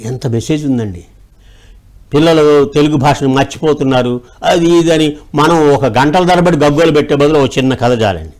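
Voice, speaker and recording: Animated male storyteller, higher voice. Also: normal speed. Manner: lively, with voice changes and mimicry. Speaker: storyteller guest.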